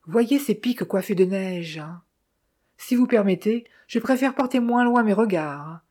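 A woman narrating an audiobook, reading all the characters in a mostly even, measured voice. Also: medium pitch.

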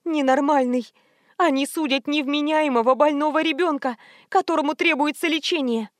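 A woman's voice: sits high, steady tone, normal speed, no echo, studio quality, voice pushed up, lightly acted. A woman reading an audiobook voices a frightened, pleading mother who often drops to a whisper. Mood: fearful.

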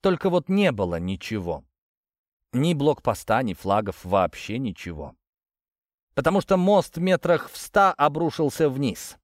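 A man reading a first-person audiobook in a steady, grim storytelling manner. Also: medium pitch, unhurried, no room sound, clean studio sound. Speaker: audiobook narrator.

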